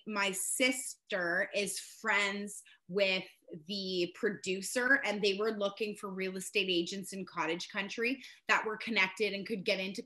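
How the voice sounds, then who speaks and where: A woman's voice: medium pitch, pushed and bright. A young adult woman, a realtor telling stories with many fillers in a casual podcast conversation. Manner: chatty storyteller with frequent laughs and fillers.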